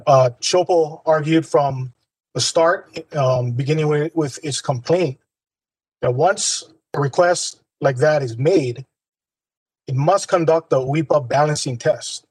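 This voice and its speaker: Male attorney, formal legal argument, slightly high husky voice, dry sound. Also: takes it slowly, darkish tone, no room sound, poor audio.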